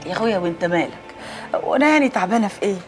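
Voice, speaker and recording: A woman's voice: mid-range voice, animated, rapid-fire, soft background music, close to an everyday voice. An actress playing a loving mother with an Egyptian accent, soothing her son as she holds back tears. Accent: Egyptian Arabic. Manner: soothing, tender.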